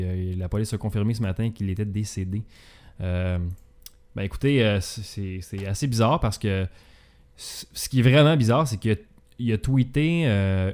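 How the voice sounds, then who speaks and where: A man's voice: fairly low pitch, dark tone. A man with a Québécois accent hosting a casual talk show, hesitant and full of filler sounds. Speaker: podcast host. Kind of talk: casual chat.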